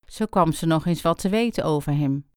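A woman narrating a story in a calm, scripted storytelling manner, with small shifts of voice for the characters' lines. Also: deep voice, fairly quick, no echo, studio quality. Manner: calm storytelling, quotes characters with light voice changes. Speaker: audiobook narrator.

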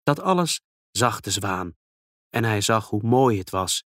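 A man reading a children's story aloud in a calm, gentle storytelling manner. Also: on the low side, measured pace, no echo, clean studio sound.

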